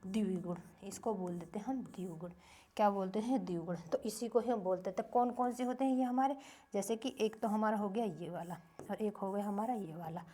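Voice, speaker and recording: A woman's voice: medium pitch, brisk, mellow. Woman teacher drilling a grammar lesson. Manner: repeats questions and answers them herself in drilling rhythm. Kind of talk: Hindi grammar lesson for children.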